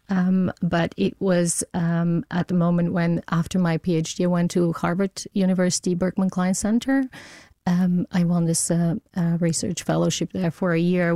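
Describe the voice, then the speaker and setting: A woman, a radio guest speaking in a hesitant way with many pauses and restarts. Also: on the low side, dark tone, no echo, clean studio sound. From Bulgaria. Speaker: guest, education technology consultant. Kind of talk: casual interview talk.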